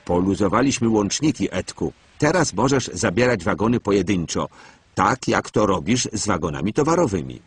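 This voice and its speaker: Man as a calm kindly engine driver. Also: on the low side, normal speed, husky.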